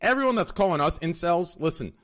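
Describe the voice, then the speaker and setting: A man's voice: high voice, animated, a little fast. A young man hosting a casual podcast with friends, brash and swearing, talking straight to his chat. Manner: brash, swearing, talks to chat, loud impressions. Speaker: streamer and podcast host.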